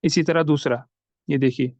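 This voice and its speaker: A man teaching tajweed, who spells out Arabic words slowly, letter by letter. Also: a little high, fairly even intonation, a little mellow, no room sound, dull audio. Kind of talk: online lesson.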